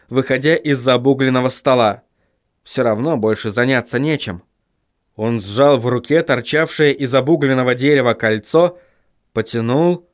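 A man reading an audiobook as narrator, with an expressive reading. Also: mid-range voice. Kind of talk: scripted narration.

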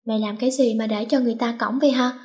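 A woman's voice: fairly high pitch, fairly even intonation, very fast, darkish tone, lightly acted. A woman voicing a teenage schoolgirl best friend who scolds, fusses and wheedles. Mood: fussy.

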